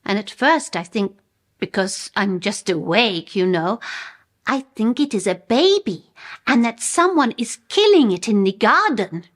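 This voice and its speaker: Casting: actress as bemused female storyteller, Polish accent, comic monologue, unhurried and deliberate, medium pitch. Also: sing-song, fairly bright tone. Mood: storytelling. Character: bemused woman telling an absurd personal anecdote. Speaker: monologue performer.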